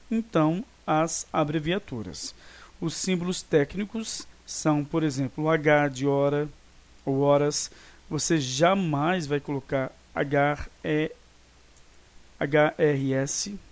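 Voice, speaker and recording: Higher-voiced Brazilian man teaching grammar. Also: a little mellow. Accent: Brazilian Portuguese. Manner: explains step by step, checks in with "tá?" and "beleza?"; corrects himself mid-sentence. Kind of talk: grammar lesson.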